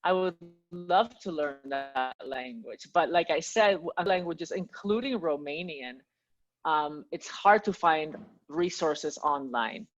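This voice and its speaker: Guest: Peruvian-born woman, low voice, friendly and chatty, muffled lo-fi audio. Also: animated, slow, faint music behind. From Peru. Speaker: guest, language teacher. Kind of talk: casual interview chat.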